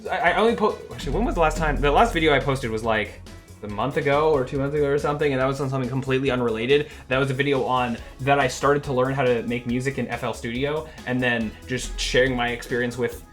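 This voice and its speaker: Speaking quickly in a medium pitch, a young Canadian guy rambles through a casual livestream about developing his game. He laughs often and keeps losing track, drifting off mid-thought before restarting, while faint music plays behind him.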